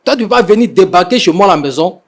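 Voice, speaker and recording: A young man, a husband, defending himself in a halting way that keeps circling back to the same points. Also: sits high, expressive. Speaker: husband being mediated. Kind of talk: defensive explanation on a mediation show.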